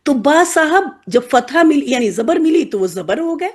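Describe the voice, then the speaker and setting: Her voice high and sing-song, a woman teaches a class about Arabic letters. She turns them into little characters, explains everything patiently, and pauses again and again to confirm the students understand.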